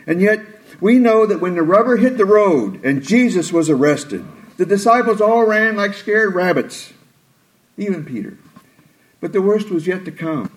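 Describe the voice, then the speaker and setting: A man preaching a sermon, retelling scripture expressively and acting out the quoted lines. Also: rough recording. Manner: expressive, acts out quoted lines with rising pitch and slowed delivery.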